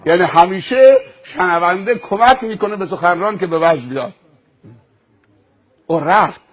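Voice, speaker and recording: A male preacher telling a moral story in a sermon, animated and dramatic, piling up repeated phrases. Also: high-pitched.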